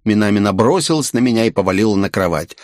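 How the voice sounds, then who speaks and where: A man narrating a first-person audiobook in a wry, expressive storytelling manner. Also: fairly low pitch, quick pace, dry recording, clean studio sound.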